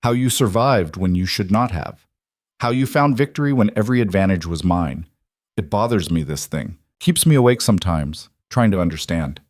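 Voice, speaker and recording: Man reading a big solemn fighter guy w a heavy accent, broken english, low and grave. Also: expressive, normal speed, darkish tone, no echo, studio quality. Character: huge scarred male fighter, solemn.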